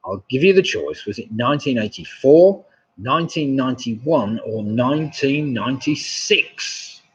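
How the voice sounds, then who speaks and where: Sitting at a desk at home, a man in his sixties runs a live online pub quiz over a webcam mic, chatting and chuckling at jokes from viewers. His voice is medium-pitched and a little slow, with a breathy edge and lively intonation. The webcam audio comes across dull and lo-fi.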